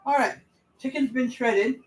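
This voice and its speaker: A woman's voice: high-pitched, unhurried. A woman casually chatting to viewers as she hosts a live cooking stream from her home kitchen. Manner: chatty, talks straight to viewers. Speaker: home cooking livestream host. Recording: roomy and a bit distant, faint hiss.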